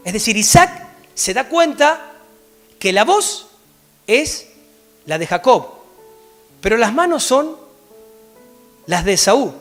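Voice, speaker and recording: A man with an Argentine accent preaching a sermon and reading Bible verses aloud, often checking in with a quick "¿sí?". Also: very high voice, soft background music. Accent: Argentine Spanish. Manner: animated, often checks in with a rising "¿sí?". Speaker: pastor. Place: church.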